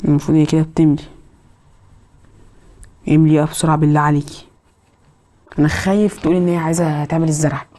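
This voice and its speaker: A woman with an Egyptian accent giving excitable let's play commentary, scolding the game characters. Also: deep voice, fast talker, long pauses. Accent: Egyptian Arabic. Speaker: gamer.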